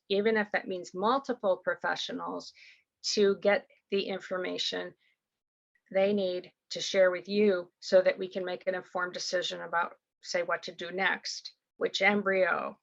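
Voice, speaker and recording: A woman from a surrogacy agency who explains things quickly over a video call, rambling with many fillers and restarts. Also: on the low side, creaky, a bit bright, dull audio. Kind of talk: online information session, explaining and answering questions.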